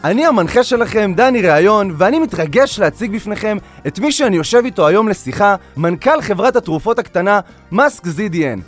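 A man's voice: sits high, sing-song, soft background music. An actor playing a veteran male TV interviewer who stumbles and apologizes, in a comedy audio drama. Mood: grandiose. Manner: showy, then stammering and apologetic. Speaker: talk show host.

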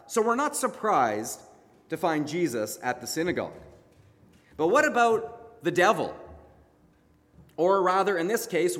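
A male pastor preaches a narrative sermon, building drama with deliberate pauses. His voice sits a little high. A long reverb trails each phrase through the large church room. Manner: dramatic retelling with emphatic pauses. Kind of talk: sermon storytelling.

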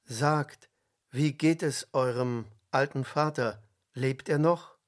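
A man reading aloud, voicing a powerful adult governor in a storybook, calm and measured. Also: mid-range voice, natural voice. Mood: friendly. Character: powerful grown man, a governor hiding his identity.

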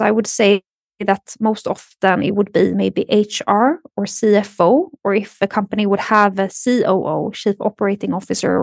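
Swedish-accented woman with a gravelly voice. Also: medium pitch, dry recording, clean studio sound. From Sweden. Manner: measured and explanatory, with soft fillers. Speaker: guest, marketing executive. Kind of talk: podcast interview.

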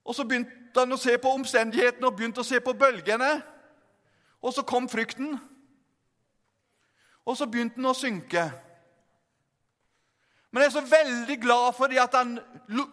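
An older man preaching a revival sermon in a very high voice, in a church hall with a long reverb. He tells the stories playfully and acts out every scene. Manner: lively, humorous, acts out scenes.

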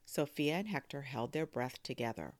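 A woman hosting a storytime, reading a children's book aloud in an expressive, animated way. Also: a bass voice, moderate pace, no room sound. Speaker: storyteller host.

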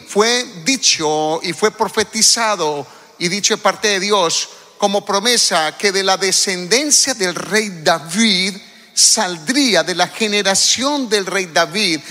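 Male preacher, high voice, lively sermon delivery with calls to the congregation, reverberant hall. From Colombia.

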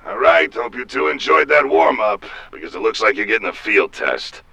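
An actor playing a casual, wry male coordinator of a cartoon superhero team, breezy with deadpan asides. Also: mid-range voice, moderate pace, gravelly, heavily acted. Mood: breezy briefing. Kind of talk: animated comedy voice acting.

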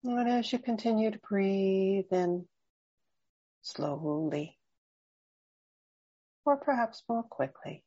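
A woman guiding a slow breathing meditation, speaking softly and soothingly with long pauses. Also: mid-range voice, dull audio. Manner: slow, soft, soothing and unhurried. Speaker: meditation guide.

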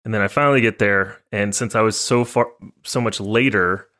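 A man's voice: lowish voice, normal speed, pushed and bright. A man co-hosting a podcast, chatting casually and telling a travel story, acting out the other people in it. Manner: storytelling, acts out voices of others. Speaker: podcast co-host. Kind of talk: casual chat.

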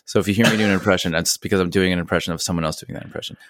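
A man's voice: low voice, steady tone, racing, no echo, clean studio sound. A man co-hosting a casual chat, joking and self-deprecating. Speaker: podcast co-host.

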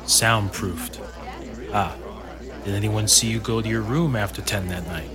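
A man's voice: fairly low pitch, steady tone, a little slow, a crowd in the background, close to an everyday voice. A man voicing a blunt, sardonic police detective in an audio drama, questioning witnesses in a dry way. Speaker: detective character.

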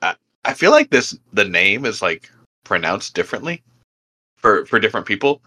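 A man's voice: on the low side, sing-song, moderate pace, sharp tone, slightly rough. A young man co-hosting a beer podcast, chatting casually with lots of fillers and easy laughter. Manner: rambling, filler-heavy, laughs easily. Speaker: podcast co-host. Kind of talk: casual chat.

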